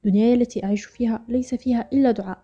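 A woman voicing a lovesick, gentle young man in a storybook narration, talking softly and wistfully. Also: a little high, steady tone, very fast, husky. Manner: soft, wistful, quietly pleading. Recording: dull lo-fi audio with faint music.

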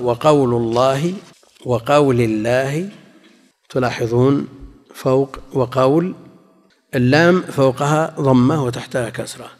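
A man giving a classical religious lesson, measured and explanatory, often repeating key phrases for his listeners. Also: mid-range voice. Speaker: Islamic scholar teaching hadith commentary. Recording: long reverb in a large hall.

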